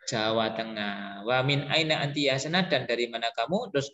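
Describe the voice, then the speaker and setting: Chatty male teacher in an echoey hall. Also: medium pitch. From East Java. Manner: relaxed, chatty, asks pupils questions and repeats phrases slowly. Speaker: Arabic teacher. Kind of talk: classroom lesson explaining Arabic. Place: classroom.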